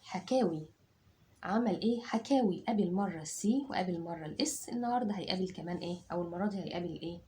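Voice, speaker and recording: A woman's voice: fairly low pitch, quick pace, dark tone, a little hiss or hum. A woman teacher with an Egyptian accent, giving a phonics lesson to children, sounding out letters and checking that they follow. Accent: Egyptian Arabic. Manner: drills sounds aloud, repeats and checks understanding. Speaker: English teacher.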